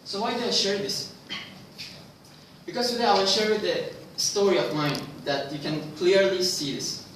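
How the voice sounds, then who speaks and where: Over a noisy background, a club speaker in his 20s from Pakistan gives a prepared personal speech at normal speed, his high voice full of lively intonation. He poses questions to the audience and sometimes restarts his phrases. A distant mic picks him up in a very echoey club meeting room.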